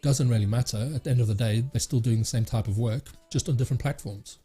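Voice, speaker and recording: A man hosts a casual tech chat, his voice warm and a little raspy. He rambles, stumbles over words and fills pauses with "uh" as he talks, while soft music sits faintly under him. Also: medium pitch. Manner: rambling, many fillers and restarts. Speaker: tech channel host. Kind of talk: casual talk to camera.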